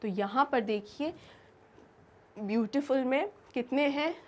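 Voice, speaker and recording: A woman's voice: sits high, takes it slowly. A woman teacher giving a grammar lesson, asking her students questions and answering them herself.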